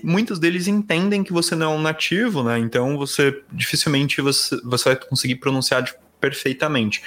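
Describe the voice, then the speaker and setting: A man with a Paulistano Brazilian accent talks through his ideas as an interview guest. His voice sits at an ordinary middle pitch. He is measured and reflective, laying out each point step by step. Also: a bit bright. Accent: Paulistano Brazilian Portuguese. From São Paulo, Brazil. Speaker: podcast guest. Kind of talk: conversational interview.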